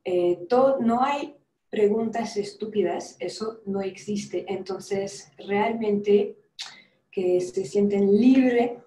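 This is a French woman in her thirties, a trumpeter giving a guest lecture online over a video call from a room full of brass instruments. Her French-accented voice is medium in pitch, slow and warm, and she speaks carefully, searching for words. The call audio sounds roomy.

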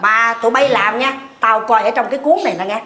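High-voiced bossy old southern Vietnamese mother. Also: fast talker, bright, forceful tone. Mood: eager. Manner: exclamatory, insistent. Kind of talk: TV comedy skit acting. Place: tiled living room. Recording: echoey room with clear noise.

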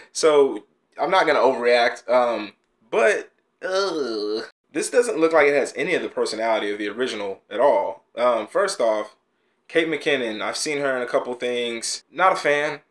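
Recording indoors in a small bedroom studio at home, this young male host of a casual reaction video speaks in a mid-range, a bit bright voice. His manner is blunt and exasperated, full of frequent sighs and groans.

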